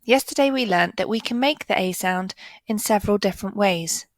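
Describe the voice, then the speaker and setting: A woman teaching a phonics lesson to young children, sounding out letters and words slowly and clearly. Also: mid-range voice, dry recording, poor audio. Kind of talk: primary school phonics lesson.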